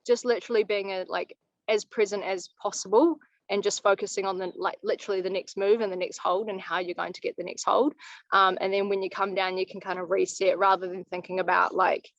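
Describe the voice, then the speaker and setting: A woman's voice: mid-range voice, flat delivery, a little fast, no room sound. Young New woman, laid-back coach fielding questions, muffled dry call audio. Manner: practical, easygoing advice-giving. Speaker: climbing coach. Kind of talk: live online coaching Q&A. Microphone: video call.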